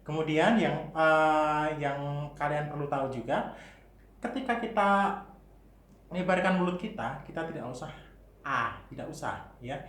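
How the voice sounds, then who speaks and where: A man's voice: a little high, moderate pace, pauses often, a bit bright. A man with an Indonesian accent, a vocal coach patiently explaining articulation and demonstrating vowels. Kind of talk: singing lesson. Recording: roomy with faint hiss.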